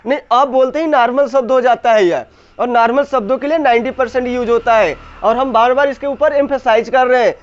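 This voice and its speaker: A male teacher with a very high voice leads a call-and-response grammar class. He turns each point into a question for the students and slowly draws out key words for emphasis, on slightly dull lo-fi audio.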